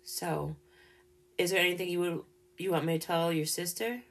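A woman hosting a paranormal live stream in casual chat, gentle and openly emotional as she speaks to spirits directly. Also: lowish voice, steady tone, normal speed, slight background noise.

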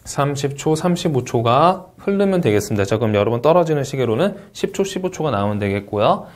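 A man's voice: mid-range voice, brisk. A man teaching a test-prep lecture, asking rhetorical questions and carefully reading out English model answers. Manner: lively teacherly delivery, frequent "자" and rhetorical questions. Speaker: TOEIC Speaking instructor. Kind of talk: exam review lecture.

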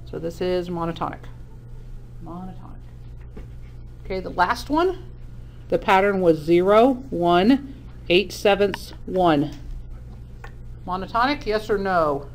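A woman's voice: lowish voice, animated, measured pace, pauses often, a little hiss or hum. A woman math teacher giving a classroom lecture, explaining step by step and often checking in with the class.

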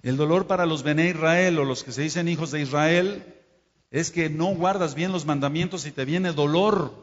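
Here a man with a slightly high voice speaks at a moderate pace, preaching on Torah study while scolding those listening and talking right to them. Every so often he stops to spell out Hebrew terms and explain them. The recording is muffled and lo-fi, with hall reverb.

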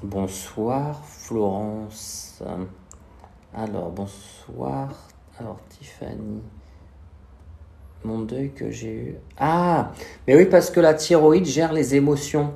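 A man's voice: medium pitch, slow pace, creaky, warm tone. A young man with a slushy lisp on his s, chatting casually as a live-stream host and reading out viewers' questions. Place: small indoor room. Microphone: phone at arm's length. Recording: echoey room sound.

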